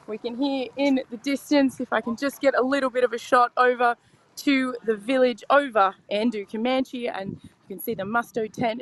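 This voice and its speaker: A woman's voice: fairly high pitch, poor audio. A woman hosting live dockside interviews and commentary outdoors on a marina, enthusiastic and chatty. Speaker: sailing reporter and host.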